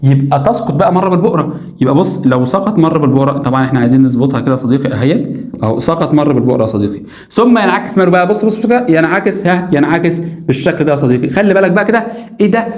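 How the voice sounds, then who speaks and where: A male teacher with an Egyptian Arabic accent rattles through a science lesson at great speed. He repeats key words over and over and keeps firing questions at the viewer. His somewhat high voice rings in an echoey room. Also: lively intonation, rapid-fire, darkish tone. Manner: repetitive, emphatic, drills key words and asks the viewer questions. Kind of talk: classroom lesson explaining diagrams.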